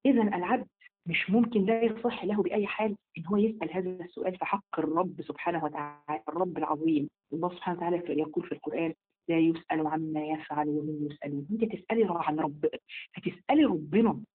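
A woman with an Egyptian Arabic accent giving a live online religious lesson. She talks rapidly and emphatically and slows down to recite scripture. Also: lowish voice, husky. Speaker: religious teacher. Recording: tinny phone-like audio.

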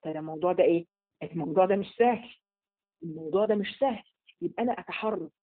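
A religious teacher with an Egyptian Arabic accent gives a lesson to women, speaking colloquially and answering her own rhetorical questions. Her voice is fairly low and very fast, and the sound is narrow, like a phone.

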